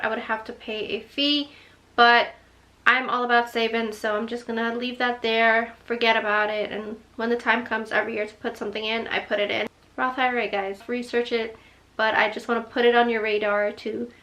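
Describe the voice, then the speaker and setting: A woman's voice: a little high, bright, forceful tone. A woman in her twenties from Guyana giving earnest, chatty advice in a casual vlog, full of "like" fillers. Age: 20s. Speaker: vlogger.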